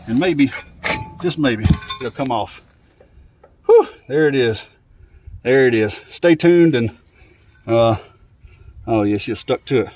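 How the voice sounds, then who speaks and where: A man with a fairly high voice chats casually while working on an old truck, over heavy background noise. He's out of breath and laid-back, rambling with lots of fillers.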